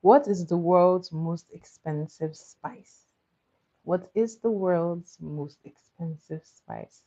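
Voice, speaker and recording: A woman's voice: on the low side, slow pace, warm tone, lo-fi sound. A woman from Nigeria, sleepily hosting a live trivia stream and patiently repeating each question for her viewers. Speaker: livestream quiz host.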